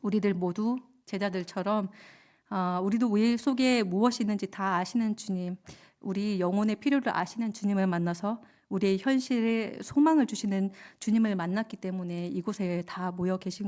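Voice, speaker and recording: A young woman, a junior pastor, giving a soft, humble Wednesday evening sermon in a church, with gentle self-deprecating humor. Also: mid-range voice. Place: church sanctuary.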